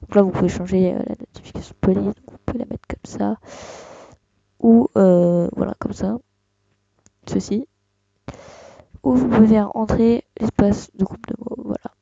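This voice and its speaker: Young tutorial host, gravelly and mellow, hesitant delivery, dull dry desktop mic sound. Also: medium pitch, steady tone, moderate pace, long pauses, dry recording. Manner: hesitant, many fillers and restarts. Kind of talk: casual screen-recorded tutorial.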